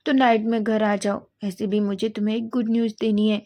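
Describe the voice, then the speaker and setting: A woman voicing a loud, bossy older sister-in-law who scolds and shouts. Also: mid-range voice, level tone, a little fast, close to an everyday voice.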